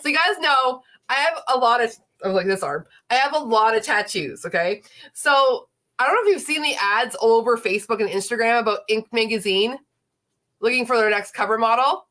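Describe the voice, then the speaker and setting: With a fairly high, expressive voice that runs a little fast and sounds sharp, a woman in her late 30s hosts a casual livestream chat. She rambles with frequent fillers and sounds stuffy from a lingering illness.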